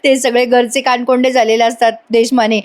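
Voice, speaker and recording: Chatty high-voiced woman recapping a serial. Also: level tone, brisk, a little mellow. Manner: chatty, addresses viewers. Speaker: serial reviewer. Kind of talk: voice-over episode recap.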